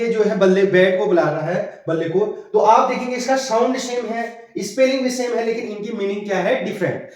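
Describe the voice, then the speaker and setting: Male grammar teacher, high voice, very roomy echo, walks through each point with self-answered questions. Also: darkish tone. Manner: explains step by step with rhetorical questions. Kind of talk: classroom-style lesson. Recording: very echoey room.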